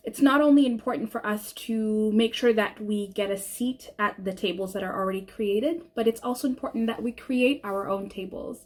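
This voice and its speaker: A woman's voice: medium pitch, normal speed, hardly any pauses. A woman giving an upbeat, conversational interview statement. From Canada.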